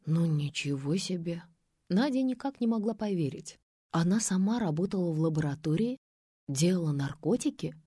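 A woman narrating a detective novel as an audiobook, with a measured, expressive reading. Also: lowish voice, slightly rough, no echo, clean studio sound. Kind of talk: scripted narration.

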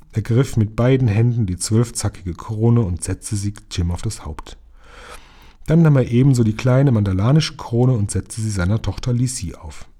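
A man reading a children's book aloud in a calm, even storytelling voice. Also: mid-range voice. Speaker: reader.

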